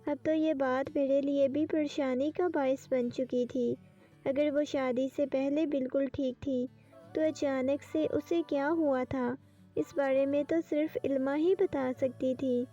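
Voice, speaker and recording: A woman narrating a romantic novel audiobook in a steady storytelling manner. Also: high voice. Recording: distant dull lo-fi with faint music.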